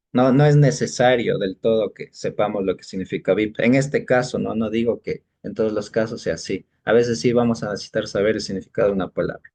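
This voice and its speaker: A man's voice: mid-range voice, a little mellow. A male teacher giving an exam-prep lesson, explaining patiently and often stopping to check that students are following. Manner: patient explaining, keeps checking in with short questions.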